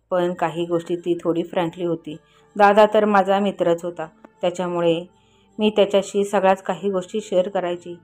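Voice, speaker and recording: A woman tells a first-person story in an earnest, confiding voice of middle pitch. She speaks the quoted lines of the people in it herself. Soft music plays quietly behind her.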